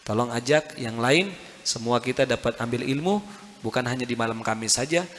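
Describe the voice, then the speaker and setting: A man preaching a mosque sermon, emphatic, with sudden high rises and rhetorical questions to the crowd. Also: brisk, fairly bright tone, big-room sound, a little hiss or hum. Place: mosque hall.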